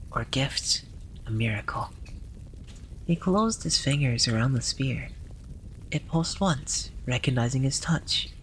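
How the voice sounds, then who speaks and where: A storyteller narrating a scripted tale in a gentle, hushed ASMR library whisper, often slipping into breathy whispering. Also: medium pitch, slight background noise, poor audio.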